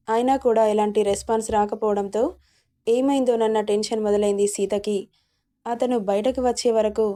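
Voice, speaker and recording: A woman narrating a serialized romance story with a steady, even reading. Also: a little high.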